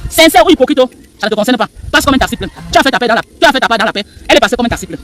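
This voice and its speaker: Commentator: man with a very high, bright voice, rapid emphatic delivery, rhetorical questions. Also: animated, slight background noise. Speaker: live stream commentator. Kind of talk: animated live stream commentary.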